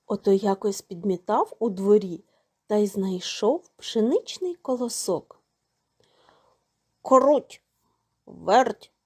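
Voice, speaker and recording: A woman narrating a fairy tale for children in a slow, sing-song storytelling manner. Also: mid-range voice, big pitch swings, dark tone, husky.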